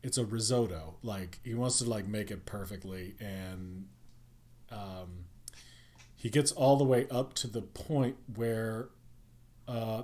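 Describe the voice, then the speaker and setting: A man chatting casually on a podcast, rambling with lots of ums and restarts. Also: fairly low pitch. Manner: rambling, many fillers. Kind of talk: casual chat.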